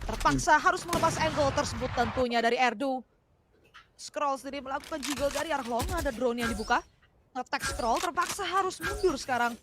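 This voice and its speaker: High-voiced Indonesian woman casting esports. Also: fairly quick, noisy background. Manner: mixes English gaming terms into speech. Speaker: esports play-by-play commentator. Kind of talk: esports match commentary.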